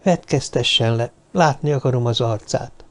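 A man's voice: medium pitch, lightly acted. A man voicing a seductive, commanding middle-aged woman who speaks in a sultry whisper in an audiobook. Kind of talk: audiobook character voice.

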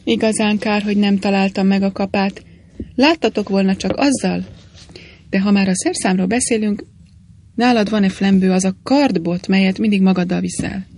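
A woman reading a meek, gentle old priest. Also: mid-range voice, fairly even intonation, slight background noise, close to an everyday voice. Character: mild, clumsy, gentle old male priest. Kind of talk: storybook reading.

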